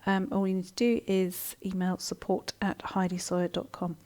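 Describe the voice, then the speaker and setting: A woman's voice: lowish voice, little pitch movement, moderate pace. Chatty woman hosting a live coaching stream. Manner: chatty, warm-hearted, many ums and restarts. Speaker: host of a live coaching session. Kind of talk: live stream, reading viewer comments and answering.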